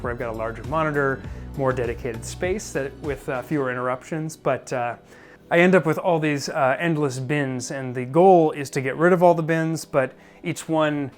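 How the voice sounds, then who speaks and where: A man giving an informal walk-through tour of his business, thinking aloud in a casual, self-deprecating way. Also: medium pitch. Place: indoors, small business office and print shop.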